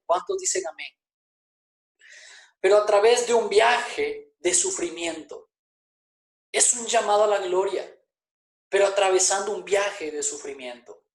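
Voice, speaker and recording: A man's voice: high voice, reverberant. A man preaching a sermon as pastor, emphatic and firing rhetorical questions at his congregation in a church.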